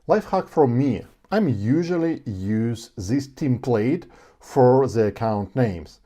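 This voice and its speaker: Speaking slowly and expressively in a dark, mid-range voice, a man whose first language is Ukrainian teaches online ads. He explains his screen-share tutorial step by step in non-native English while gesturing with his hands, using a small lapel mic in a dark studio lit by blue backlight.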